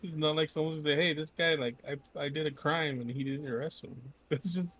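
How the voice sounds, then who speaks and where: A man chatting casually with a friend on voice chat, teasing and swearing, quick to laugh. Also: fairly high pitch, steady tone, fairly bright tone. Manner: teasing, profane, laughs easily.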